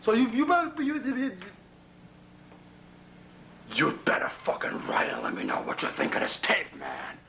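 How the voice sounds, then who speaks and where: This home video maker from Brooklyn, New York speaks in an extremely high, creaky, bright and forceful voice with huge pitch swings, a moderate pace and long pauses. Addressing a pen pal from his apartment bedroom, he swears, brags, makes threats, restarts with stutters and says "man" constantly. The tripod-mounted camcorder captures a roomy, distant 1990 tape full of hiss.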